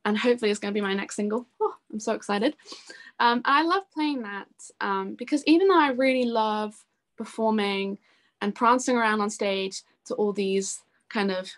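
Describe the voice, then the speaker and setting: This is a young singer-songwriter, in her twenties, being interviewed. Casual and effusive, she's self-deprecating and keeps giggling, and she speaks at a normal speed in a medium-pitched voice.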